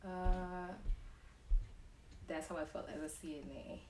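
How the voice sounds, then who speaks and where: Low-voiced young woman, casual nurse chat. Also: slow pace. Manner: chatty, animated when acting out patients. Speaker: nurse and show host. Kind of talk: casual chat answering questions. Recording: echoey room, distant mic, faint noise.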